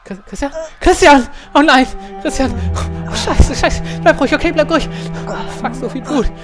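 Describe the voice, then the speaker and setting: A man acting out a frantic male survivor who shouts and sobs over a dying friend in a dramatic skit. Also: animated, moderate pace, over music. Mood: panicked. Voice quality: shrill, shouting. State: sobbing.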